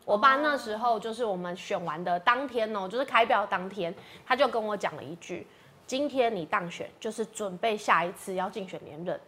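Young woman, warm and chatty. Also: mid-range voice, a little fast. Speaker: guest city councilor. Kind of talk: casual interview chat.

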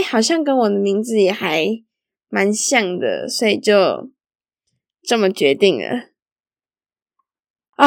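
A young woman chats through her own stories as a solo podcast host, giggly and loose, with fillers all through her speech. Her voice sits a little high. The recording is close and dry, with no room sound. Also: dry recording. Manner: chatty and giggly, lots of fillers like 好啦 and 反正. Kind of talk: casual solo storytelling.

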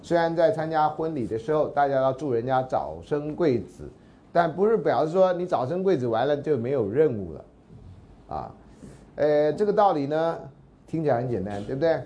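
Speaking with a Taiwanese Mandarin accent, this man gives a university lecture built around stories, chatting with the class, acting out the dialogue and often checking whether they follow. His voice is a little high, with lively intonation, a moderate pace and a warm tone.

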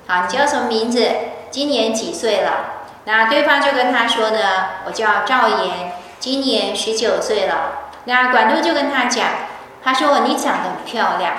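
A woman giving a lively storytelling lecture on a scripture, chatty, full of fillers and questions to the audience. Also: on the high side. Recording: echoey hall, far from mic, faint noise.

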